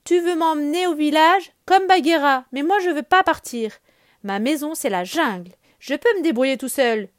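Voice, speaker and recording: A woman voicing a stubborn little boy from the jungle, high and loud. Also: animated, normal speed, no room sound, studio quality. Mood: defiant.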